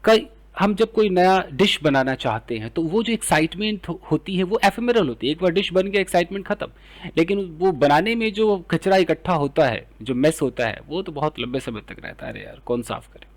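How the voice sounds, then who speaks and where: A man with an Indian English accent teaching English words, explaining in Hindi and reading example sentences slowly. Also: high-pitched, expressive. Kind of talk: vocabulary lesson.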